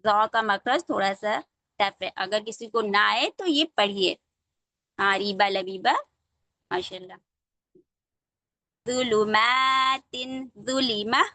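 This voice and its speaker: A woman teaching young students letter pronunciation over a video call, drawing out each sound slowly and checking that they follow. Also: medium pitch, pushed and bright, dry recording. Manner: slow, drawn-out demonstrations of letter sounds. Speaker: online Quran recitation teacher. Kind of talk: patient online class teaching.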